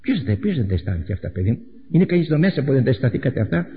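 A man preaching a sermon with a dramatic delivery, repeating phrases and swinging between loud outbursts and hushed asides. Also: medium pitch, very animated. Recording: echoey hall, dull lo-fi recording.

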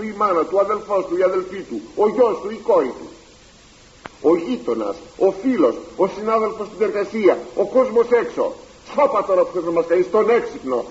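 A male preacher delivers a dramatic sermon in formal, old-fashioned church diction, pressing his listeners with rhetorical questions. His voice sits high and leaps widely in pitch. The recording is dull and lo-fi. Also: darkish tone.

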